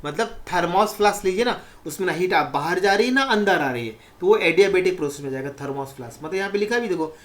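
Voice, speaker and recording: A male chemistry teacher giving a recorded lecture who reads definitions out slowly, word by word, repeats each point and keeps checking whether his students follow, in a reassuring tone. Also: sits high. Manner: reassuring, encouraging tone. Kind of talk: recorded exam-prep lecture.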